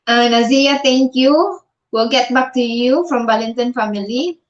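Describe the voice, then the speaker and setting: Filipino woman, livestream vlogger, reads comments, laughs a lot, slightly high voice, muffled phone sound. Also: normal speed. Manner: reads out viewer comments, switches between Tagalog and English, laughs often. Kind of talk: casual livestream chat. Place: in bed at home.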